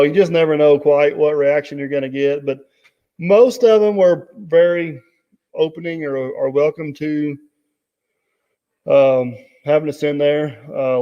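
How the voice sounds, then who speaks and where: Rambling man chatting on a live stream. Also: a little high. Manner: rambling, reads out viewer comments with many fillers. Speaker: host. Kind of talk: casual live-stream chat. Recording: dull audio with long reverb.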